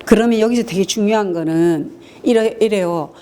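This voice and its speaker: A middle-aged woman lectures in a hall, her voice mellow and warm. She acts out spats between spouses in exaggerated mock voices and punctuates her points with brief affirmations. A faint hiss of noise sits under the recording. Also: medium pitch, moderate pace. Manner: acts out quarrels in mock voices, frequent "예" fillers. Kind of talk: lively lecture on couples' communication.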